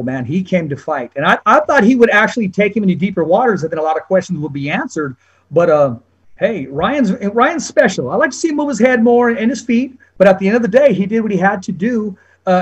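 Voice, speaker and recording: A man's voice: high voice, lively intonation, a little fast, breathy edge, lo-fi sound. A man in his forties hosting a casual sports interview over a video call. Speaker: sports show host. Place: small room indoors with show banner.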